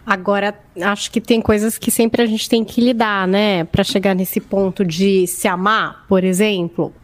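A woman's voice: medium pitch, steady tone, a little slow. Casting: woman podcast host, conversational and questioning.

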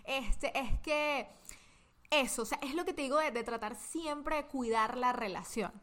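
A woman, co-hosting a podcast in casual chat, animated and emotional, full of slang and fillers, over a video call. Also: sits high, measured pace. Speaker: podcast co-host.

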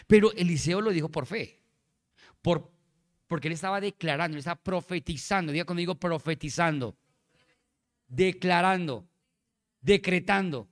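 A male pastor preaching a sermon in a lively, playful way, often asking the congregation questions. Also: sits high, normal speed.

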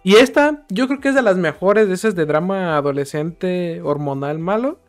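A man's voice: high-pitched, expressive, normal speed, faint music behind. A man chatting casually on a podcast, giving wry, sarcastic commentary. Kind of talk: casual chat.

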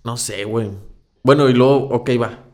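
A man's voice: mid-range voice, normal speed. A young man, chatting casually among friends in heavy slang. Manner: slangy, relaxed, peppered with güey.

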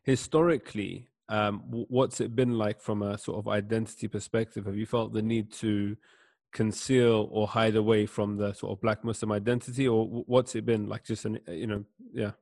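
A man moderating a panel puts his questions haltingly, full of uhs and restarts. His voice is low, gravelly and flat. The sound is dry and close. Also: no room sound. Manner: halting, filler-heavy questions.

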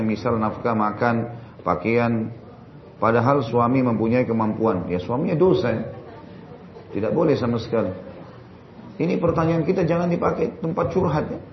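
Male preacher with a dull recording. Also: medium pitch. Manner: jokey, asks rhetorical questions. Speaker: Islamic preacher answering questions. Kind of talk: religious Q&A lecture. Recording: dull recording, faint crowd and noise.

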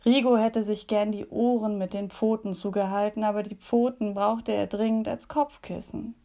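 Brief: gentle woman devotion leader and storyteller, dark gravelly tone, unhurried. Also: mid-range voice, fairly even intonation. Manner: gentle, soft, at times whispered. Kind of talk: calm devotion with story reading.

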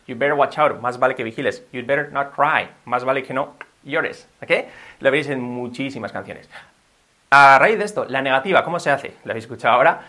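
Bright-voiced upbeat Spanish teacher man. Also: mid-range voice. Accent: Spain Spanish. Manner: upbeat, patient explaining. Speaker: language teacher. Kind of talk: video lesson.

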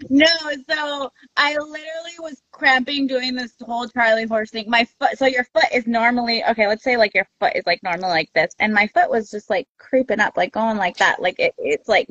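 A woman guest on a podcast, chatting casually and telling animated stories, acting out quotes from others. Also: on the high side, dry recording, dull audio. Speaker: podcast guest, ultra runner. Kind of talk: casual interview chat.

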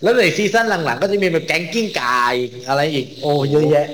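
A man's voice: on the high side, big pitch swings, fast, fairly bright tone. Chatty man hosting an anime talk show. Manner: chatty, rambling, jokey. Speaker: podcast host. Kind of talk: casual chat.

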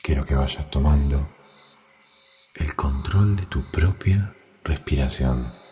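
A man, guiding a sleep meditation in a soft, soothing way, with faint music behind. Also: a bass voice, takes it slowly, slight background noise. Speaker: meditation guide.

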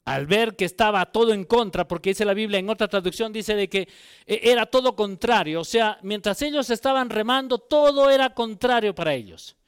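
Male preacher, high and resonant, dry close sound, reads scripture and questions the congregation. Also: normal speed, clean tone, dry recording. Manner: reads scripture aloud, then asks the listeners rhetorical questions. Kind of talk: sermon with Bible reading.

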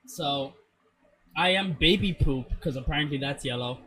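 A man's voice: fairly high pitch, normal speed, pushed and bright, a little hiss or hum. A man hosting a casual comedy podcast in a campy, theatrical, self-mocking way, swearing freely. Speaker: podcast host.

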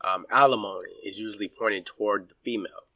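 A man in his forties giving his opinions in a casual podcast chat, halting with many fillers and restarts. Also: lowish voice, steady tone, pushed and bright, no room sound, distant mic. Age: 40s. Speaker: podcast guest.

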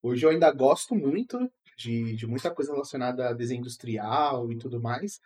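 A man's voice: medium pitch, expressive, normal speed, darkish tone. A man with a Brazilian Portuguese accent talking informally and slangily in a casual podcast chat.

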